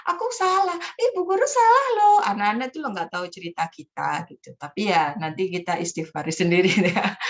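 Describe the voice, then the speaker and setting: Animated woman storytelling trainer. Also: mid-range voice. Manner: animated, switches into character voices. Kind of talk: storytelling workshop talk.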